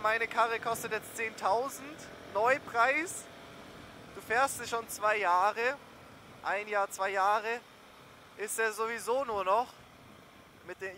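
A young man's high, sharp voice carries over the engine, wind, and road noise as he rides a motorbike outside. As a motorcycle vlogger, he keeps up a casual, slangy, rambling chat.

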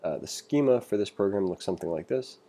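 A warm, fairly low male voice moves quickly and expressively through a programming lesson recorded as screen-capture voice-over. The tutor reads from a text, chiming in with casual asides that share his views.

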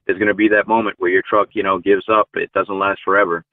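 A man's voice: low voice, level tone, quick pace, dry recording. A man in his forties, a truck driver guest, talking earnestly with many fillers over a video call. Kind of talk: casual interview talk. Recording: tinny phone line.

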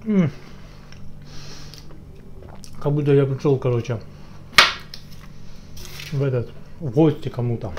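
A man's voice: medium pitch, moderate pace. A man vlogging while eating, talking with his mouth full of salad and mumbling casual comments between bites. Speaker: mukbang vlogger. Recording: muffled lo-fi with clear background noise.

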